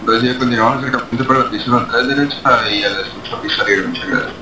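A man's voice: medium pitch, steady tone, fast. A man, an airline pilot speaking over the radio, giving polite, formal readbacks in radio phraseology. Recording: distant, echoey, noisy radio channel.

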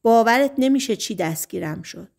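A woman's voice: on the high side, expressive, creaky, a little mellow. A woman voicing an eager male small-town deputy in an audiobook, dropping her voice to report what he has heard.

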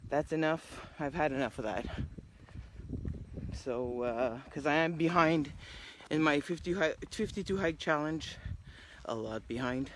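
Out on a nature trail, a middle-aged woman holds her phone at arm's length and chats casually for her hiking vlog, full of fillers and rambling. She speaks in a low, unhurried voice over slight background noise.

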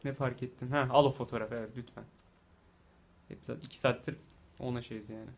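A man giving casual let's play commentary, chatty, talking to the game and breaking into excited exclamations. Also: mid-range voice, a little fast, vocal fry. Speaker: gaming YouTuber. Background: soft game music.

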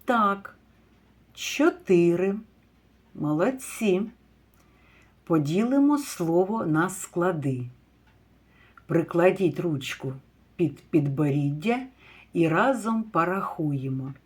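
Woman, kindergarten teacher; lively pitch, very slow, deliberate sounding-out. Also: slightly rough. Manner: slow, drawn-out word sounding with praise and questions. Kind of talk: phonics lesson for young children.

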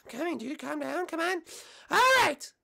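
A man voicing a small, cocky mushroom character in a squeaky, nasal, strained high voice, pushy and impatient in a homemade puppet comedy. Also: animated, normal speed, vocal fry, sharp tone, full character voice. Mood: brash. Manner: brash, impatient.

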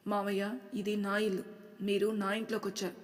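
A woman's voice: medium pitch, little pitch movement, normal speed, long reverb tail, natural voice. A woman voicing a stubborn young husband who talks firmly and defiantly. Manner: firm, defiant.

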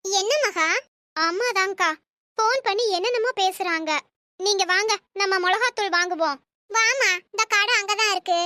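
A woman voicing an anxious, defensive young wife in a cartoon, talking quickly and pleading. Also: extremely high pitch, sharp tone, no room sound, studio quality. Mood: irritated. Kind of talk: cartoon voice acting.

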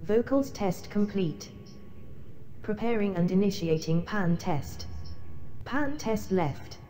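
A synthetic female computer voice announcing system startup and test steps in a flat, clipped, machine-like way. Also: medium pitch, slow, a little hiss or hum. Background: music playing.

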